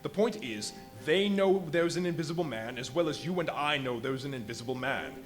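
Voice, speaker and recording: A man's voice: a little high, expressive, brisk, close to an everyday voice. Man playing the imperious, menacing Invisible Man, music underneath. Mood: coldly menacing. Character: ruthless, megalomaniac invisible scientist plotting a reign of terror. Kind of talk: live radio play acting. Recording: live stage recording with music underneath.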